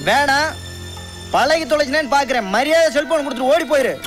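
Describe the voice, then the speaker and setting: A man's voice: very high voice, quick pace, over music. An actor playing a young village man who angrily confronts a wrongdoer to protect his family. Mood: stern angry. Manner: stern, confronting, then pleading.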